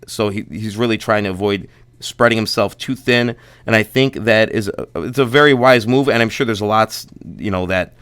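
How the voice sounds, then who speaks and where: Hosting a stock channel's casual update, a young Buffalo-area man speaks with a fairly low, smooth, fairly bright voice. He sounds congested and is losing his voice, rambling, frequently starting over, and stumbling through quotes.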